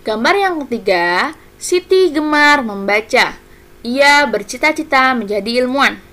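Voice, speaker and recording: A woman's voice: high-pitched, pushed and bright. A woman, a primary school teacher explaining a music lesson step by step to children.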